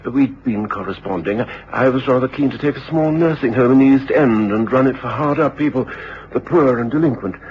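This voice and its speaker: An actor playing a courteous, well-meaning gentleman doctor in a radio drama, speaking formally. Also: mid-range voice, a little fast, few pauses, natural voice. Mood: earnest, recalling. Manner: polite, formal. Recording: muffled, noisy old radio drama recording.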